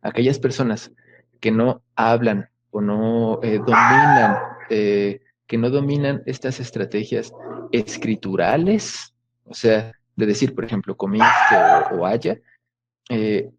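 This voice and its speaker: A man's voice: medium pitch, slow, muffled recording, heavy background noise. A man giving an academic lecture over a video call, explaining patiently with many fillers and rhetorical questions. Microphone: video call microphone.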